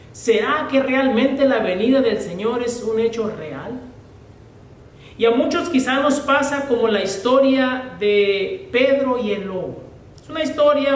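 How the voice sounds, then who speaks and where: A man preaching a sermon, praying and reading scripture with earnest, deliberate pacing before telling a children's story. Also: extremely high pitch. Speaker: pastor. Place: church sanctuary. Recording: echoey church from a distant mic.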